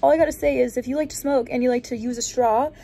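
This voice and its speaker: A woman's voice: high-pitched, steady tone, fast, gravelly, mellow, husky. A young woman who feels sick and sore, complaining whinily in a casual vlog, saying "like" constantly. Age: young adult. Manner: whiny complaining, heavy filler "like". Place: indoors on a couch or bed.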